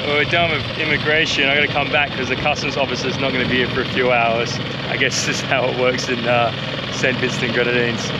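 A man's voice: mid-range voice, heavy background noise. A young man chatting casually to a handheld camera on a sailboat deck outdoors. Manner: relaxed, chatty, excitable. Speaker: sailing vlogger. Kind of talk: casual vlog talk to camera. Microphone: handheld action camera at arm's length.

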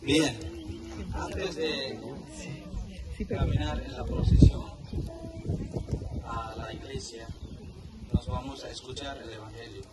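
A man speaking as a priest to his congregation at an outdoor service, in simple, halting phrases with pauses. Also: mid-range voice, huge pitch swings, loud music behind the voice. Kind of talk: liturgical address to a congregation. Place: open grassy field, outdoors. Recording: echoey outdoor PA, distant, heavy noise.

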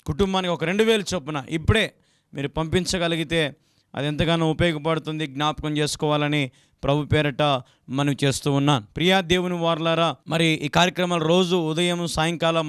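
Earnest young pastor, smooth resonant voice. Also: male voice, a little high, fairly even intonation, brisk, a bit bright, no room sound, studio quality. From Andhra Pradesh. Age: young adult. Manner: earnest pleading, repeats filler words often. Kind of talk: televised sermon with donation appeal.

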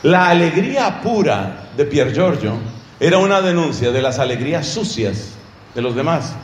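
A man preaching a sermon, teaching with rhetorical questions to his listeners in an animated way. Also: fairly high pitch, normal speed, echoey room, slight background noise.

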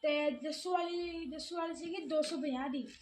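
A woman's voice: sits high, normal speed, darkish tone. A young woman with a Malwai Punjabi accent, chatting casually with her family. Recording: roomy, noisy home vlog recording.

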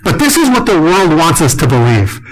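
Older male conference speaker, slightly high voice, lively storyteller who acts out the lines of the people he quotes. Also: a little fast, poor audio. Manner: animated storyteller, acting out quotes.

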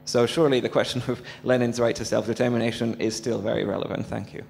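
A young man from Serbia asking an earnest question from the audience into a handheld mic, talking fast with many fillers. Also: mid-range voice, flat delivery, gravelly, darkish tone. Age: young adult. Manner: rapid and earnest, thick with fillers. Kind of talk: public Q&A question. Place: large dark hall with an audience, standing. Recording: hall reverb with a faint hum.

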